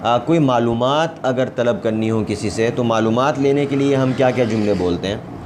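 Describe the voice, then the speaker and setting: A man giving a recorded pronunciation lesson, speaking slowly and carefully and repeating each example word twice. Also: mid-range voice, noisy background. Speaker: English teacher.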